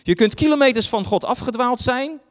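A man preaching a sermon, retelling a Bible story and acting out the voices in it, with fillers and pauses. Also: very high-pitched, big-room sound. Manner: dramatizes quoted voices, pausing with fillers.

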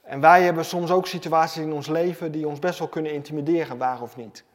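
A man preaches with emphatic, repeating phrases in a fairly high voice. His sermon rings out with a long reverb in a church hall. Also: steady tone, brisk. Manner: emphatic, repetitive preaching cadence.

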